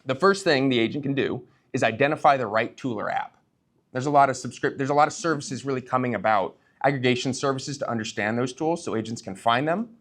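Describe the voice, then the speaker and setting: At a tech meetup, a startup founder talks to the crowd in a quick, conversational way, speaking to them directly and posing rhetorical questions. His voice is medium in pitch.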